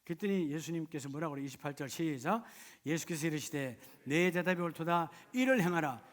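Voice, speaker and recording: A middle-aged male pastor from Gyeongsang, South Korea, preaching a sermon in a church that moves from quiet storytelling to loud, fervent preaching. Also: a little high, lively intonation, brisk. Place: church sanctuary.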